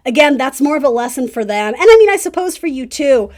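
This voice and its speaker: A woman hosts a casual tarot reading video, speaking straight to the listener with encouraging, conversational advice. Her high voice is sing-song and fast, with a darkish tone.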